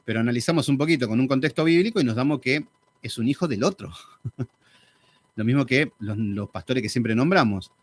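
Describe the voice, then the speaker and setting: A man teaching a live Bible study in an animated, sarcastic, conversational way. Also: mid-range voice, moderate pace.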